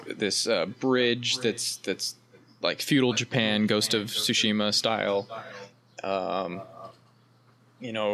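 A man co-hosting a casual gaming podcast, telling a long story with many restarts. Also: on the low side. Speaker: podcast co-host. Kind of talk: casual chat.

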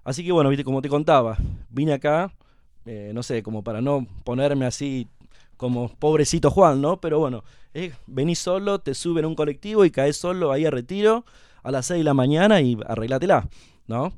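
A middle-aged Argentine man from La Pampa, a company co-founder chatting as a guest in an interview, telling his story in a relaxed way with lots of fillers. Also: on the high side, a little fast, clear, resonant tone, no room sound, clean studio sound. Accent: Argentine Spanish. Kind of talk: casual interview conversation.

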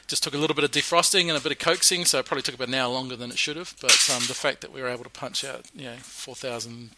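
A man's voice: mid-range voice, fairly even intonation, racing, background noise. A man talking casually as a guest brewer on a podcast, recorded live in a small back room, explaining matter-of-factly with dry humour. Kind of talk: casual podcast interview, telling brewing stories.

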